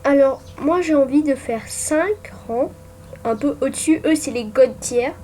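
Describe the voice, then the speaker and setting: A woman's voice: high-pitched, unhurried, dark tone. A young woman giving casual commentary while making a ranking on her computer, hesitant with many fillers and restarts. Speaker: gaming YouTuber. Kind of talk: casual screen-recorded commentary. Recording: faint background noise with keyboard typing.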